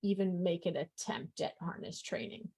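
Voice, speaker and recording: A woman's voice: lowish voice, moderate pace, gravelly. A woman hosting a live online adoption fair, chatting and laughing with a guest over a video call. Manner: chatty, lively, laughs often. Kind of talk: live online chat interview.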